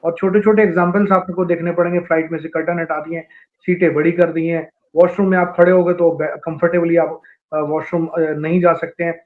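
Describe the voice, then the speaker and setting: Man, veteran pilot, high-ish voice, indignant, tinny phone-line sound. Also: flat delivery, brisk. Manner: indignant, complaining, listing examples. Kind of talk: interview clip.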